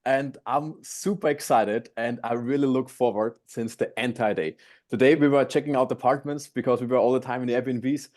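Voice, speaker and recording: A man's voice: medium pitch, fairly even intonation, moderate pace, darkish tone. A man in his twenties from Austria with an Austrian accent, eagerly teaching an online sales masterclass from home on a video call. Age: 20s. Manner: upbeat, eager, slightly non-native phrasing. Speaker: guest speaker.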